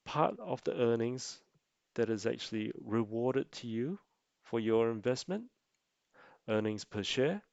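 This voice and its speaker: A man narrating an explanatory tutorial as an amateur presenter, speaking haltingly in short phrases. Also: medium pitch, gravelly, darkish tone, smooth, dry recording, highs cut off. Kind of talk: explanatory investing tutorial voice-over.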